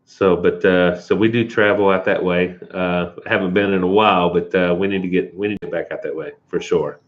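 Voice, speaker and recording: A man's voice: low voice, fairly even intonation, fairly quick, highs cut off. A middle-aged man from Kentucky with a Kentucky accent, hosting a casual live stream and rambling easily through viewer comments. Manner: rambling, chuckling, answers chat comments.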